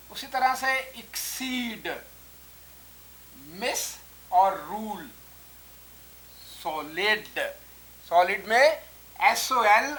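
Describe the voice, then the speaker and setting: A woman giving a slow, deliberate lesson, counting out syllables as she explains. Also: medium pitch, fairly bright tone. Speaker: English teacher.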